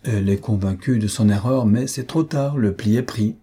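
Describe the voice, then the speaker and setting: A man doing a vain, foppish young gentleman. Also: lowish voice, normal speed, slightly rough. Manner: affected, mocking and chatty.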